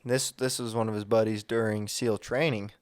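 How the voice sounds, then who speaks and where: A man's voice: on the low side, fairly even intonation, moderate pace, clear, resonant tone, no room sound, studio quality. A man co-hosting a podcast, chatting casually about a book, often laughing and tossing in joking asides. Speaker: podcast co-host. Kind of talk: casual book discussion chat.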